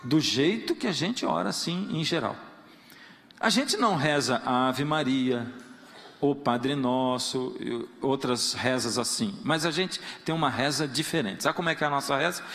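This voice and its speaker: A pastor preaches a sermon in a church with a fairly bright voice on the high side, telling stories playfully and acting out quoted prayers in other voices. The church hall adds a long reverb.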